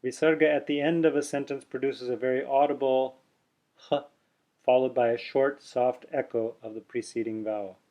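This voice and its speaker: A man teaching Sanskrit pronunciation in a video lesson, explaining patiently and sounding out words slowly so his mouth can be seen. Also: mid-range voice, steady tone, warm tone, highs cut off. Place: indoors, on camera showing his mouth.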